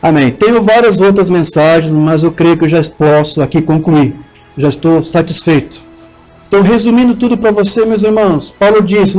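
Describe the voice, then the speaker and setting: A man's voice: fairly high pitch, rough recording. A Brazilian man with a Brazilian Portuguese accent preaching a sermon and leading a prayer, fervently calling for amens from the congregation. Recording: soft music under the voice.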